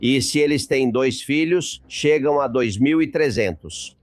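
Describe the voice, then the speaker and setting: A man's voice: medium pitch, measured pace, no room sound. Indignant man hosting a political talk show. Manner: indignant, appealing to listeners. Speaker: host.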